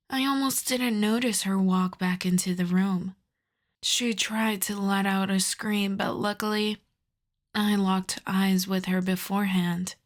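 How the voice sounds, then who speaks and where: In this intimate ASMR roleplay, a woman voices a seductive, possessive vampiress, her tone coolly menacing. She speaks at medium pitch, lingering very slowly, teasing softly and frequently dropping into a breathy half-whisper.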